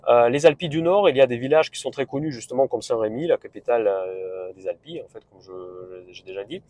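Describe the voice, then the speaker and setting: A man's voice: medium pitch, fast, a little mellow, no echo. French-speaking man with a Russian accent. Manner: rambling, many hesitations and restarts. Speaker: vlogger. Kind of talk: casual travel vlog talk. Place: on a road trip, in a car.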